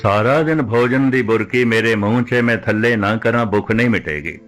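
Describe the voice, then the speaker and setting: An older man giving a measured religious discourse, repeating phrases and slowing down to recite scripture. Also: medium pitch, a bit bright, faint music behind. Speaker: Sikh preacher giving katha.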